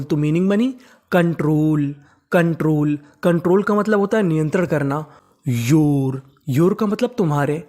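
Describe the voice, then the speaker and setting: English reading teacher, letter-by-letter spelling, slow drawn-out pronunciation, repeats each word, rhetorical questions. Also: medium pitch, a little mellow. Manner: spells words out letter by letter, then says each slowly and repeats it; asks rhetorical questions to the learner. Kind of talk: step-by-step spelling and pronunciation lesson.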